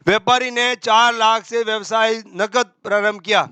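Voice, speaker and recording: Brisk, bright-voiced male tutor. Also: high voice, steady tone, smooth, no echo. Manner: brisk, voices imagined student questions. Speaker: accountancy teacher. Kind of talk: exam-prep lecture.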